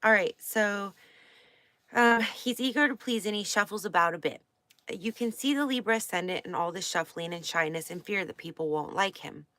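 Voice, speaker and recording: A woman's voice: medium pitch, moderate pace, sharp tone, no room sound. A woman with a slight Pacific Northwest accent, giving a casual astrology lesson, reading from a book and commenting in a meandering way with fillers and self-corrections. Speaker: astrology teacher.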